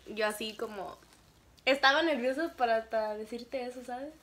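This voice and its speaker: Bright, animated woman storyteller. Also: on the high side, normal speed. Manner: animated, laughs often, acts out quotes. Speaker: vlogger telling her story. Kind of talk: casual storytime chat.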